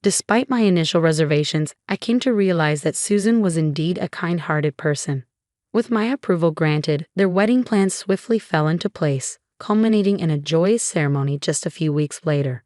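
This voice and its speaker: A woman tells a scripted first-person family story in a measured, even manner. Her voice sits on the low side, and the recording is close and dry with no room sound. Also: dry recording. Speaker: story narrator.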